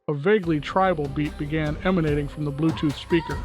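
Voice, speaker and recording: A man's voice: fairly high pitch, fairly even intonation, fast. A man narrating a comic audiobook in a wry storytelling way. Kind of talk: scripted narration. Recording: narration over music.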